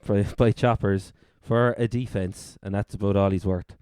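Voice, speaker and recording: A man's voice: lowish voice, fairly even intonation, moderate pace, a little mellow, clean tone, dry recording, studio quality. A man with a Cork accent from Ireland, co-hosting a sports podcast and casually running through updates. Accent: Irish, Cork. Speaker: fantasy football podcast co-host.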